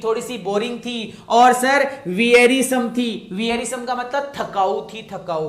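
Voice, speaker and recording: High-voiced male teacher in an echoey room. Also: fairly bright tone. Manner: drills examples slowly, repeats phrases, calls students "my child". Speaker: English teacher. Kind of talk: online coaching lecture.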